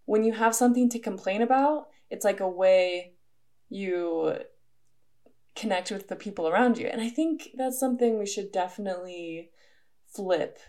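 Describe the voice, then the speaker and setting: A young woman talks through a solo podcast monologue, casual and earnest, with plenty of "like" fillers. Her pitch sits in a middle range for a woman. She speaks steadily to the listener. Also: normal speed, a little mellow. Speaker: podcast host.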